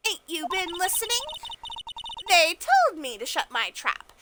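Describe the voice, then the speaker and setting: A woman's voice: very high voice, huge pitch swings, measured pace, heavy background noise, pitched above the performer's own voice, full character voice. A woman voicing a cranky, talkative old lady witness from a video game in a whiny, nasal old-person voice, indignant and folksy. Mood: indignant, defensive.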